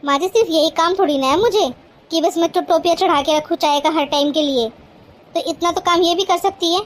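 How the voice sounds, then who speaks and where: A woman's voice: extremely high pitch, a little fast. A woman voicing a bossy, overworked elder daughter-in-law who scolds and lectures in a cartoon. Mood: defensive. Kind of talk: cartoon voice acting.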